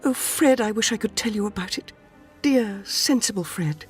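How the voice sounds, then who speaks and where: Faint music plays behind a woman reading a dramatic first-person story in the character of a prim, tearful, naive 1940s English housewife. Her English-accented voice is medium-pitched, expressive and moderately paced, close to an everyday voice, with a genteel, wistful, earnest manner.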